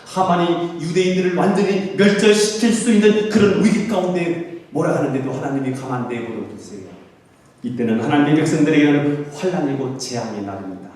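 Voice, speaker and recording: A man's voice: a little high, brisk, a little mellow, recorded from a distance. A man, a pastor, preaching a sermon with impassioned delivery that swells into fervent cries, recorded in a church sanctuary. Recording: echoey church hall, voice from afar.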